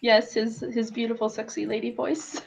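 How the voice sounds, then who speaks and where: A woman's voice: on the high side, little pitch movement, normal speed, creaky, crowd noise. A woman hosting a casual drawing stream, introducing her guests in a playful, teasing way with frequent laughs. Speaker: stream host.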